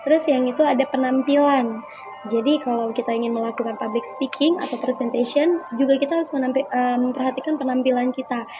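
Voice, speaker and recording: A young woman talks through a class presentation in a chatty, hesitant way, dropping in frequent fillers as she goes. Her voice sits a little high for a woman. Music plays clearly underneath her. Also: steady tone, quick pace. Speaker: student presenter.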